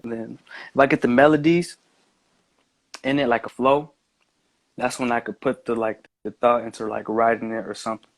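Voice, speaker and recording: A man's voice: mid-range voice, level tone, normal speed, creaky, long pauses, no echo. A man talking as a podcast guest in a loose, meandering, slangy way, peppered with filler words. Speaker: podcast guest, music maker. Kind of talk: casual chat, slangy.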